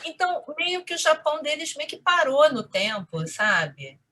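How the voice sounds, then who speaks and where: Woman, Carioca accent, bright voice, interview guest, animated conversational storyteller. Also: sits high, moderate pace. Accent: Rio de Janeiro Portuguese. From Brazil.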